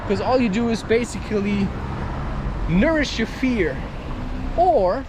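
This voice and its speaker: A vlogger and podcaster delivers a candid, rambling personal monologue, musing aloud and repeatedly seeking agreement through tag questions. His voice sits high and is animated, he speaks slowly, and the background is noisy.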